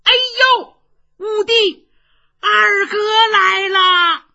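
A woman playing a rowdy, joking older general in a told story, loud and high-pitched, teasing his sworn brother. the voice is bright and a bit husky, and it swoops all over. the recording is dull and lo-fi. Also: big pitch swings, slow, exaggerated voice. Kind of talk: traditional storytelling.

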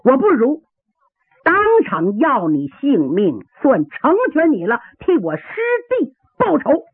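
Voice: medium pitch, very animated, measured pace, husky, dry recording, exaggerated voice. A storyteller playing an impassioned vengeful swordsman. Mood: triumphant. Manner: impassioned, lamenting. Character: vengeful wounded martial-arts fighter, adult man. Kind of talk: traditional storytelling character voice. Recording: tinny dry radio broadcast.

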